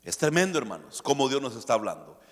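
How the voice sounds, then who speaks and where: A male pastor preaching a sermon, shifting between quiet asides and loud emphatic peaks. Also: mid-range voice, very animated, fast. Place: church hall. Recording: long hall reverb.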